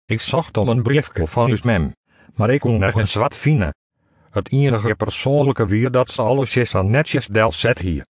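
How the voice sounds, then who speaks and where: Calm male storyteller. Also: medium pitch, moderate pace, no echo, clean studio sound. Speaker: narrator. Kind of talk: first-person story reading.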